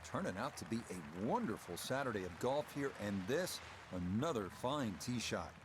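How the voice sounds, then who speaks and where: A man working as lead golf commentator in a video game, calling play in a measured broadcast manner. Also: medium pitch, big pitch swings, noisy background, lightly acted. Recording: music and crowd behind voice. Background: music, crowd.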